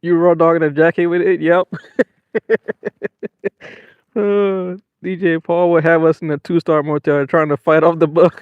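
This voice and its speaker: A man's voice: fairly high pitch, moderate pace, pauses often, clear, resonant tone, dry recording, phone-quality sound. A man hosting a fishing live stream, chatting casually, joking with his chat and laughing often. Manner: excitable, laughs a lot, jokes with chat. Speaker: fishing livestream host. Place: outdoors on a boat at sea.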